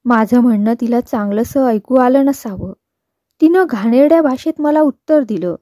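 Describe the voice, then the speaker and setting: Narrator, woman, higher pitch, mellow tone, dry close sound, steady storybook reading. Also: moderate pace, dry recording. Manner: steady, even storytelling with quoted dialogue. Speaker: novel reader. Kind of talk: scripted narration of a novel.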